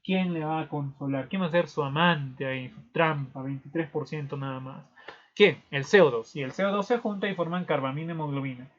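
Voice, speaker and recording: A man's voice: fairly high pitch, a little fast. A male teacher giving a physiology review, explaining with playful storytelling and frequent tag questions. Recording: dull lo-fi recording.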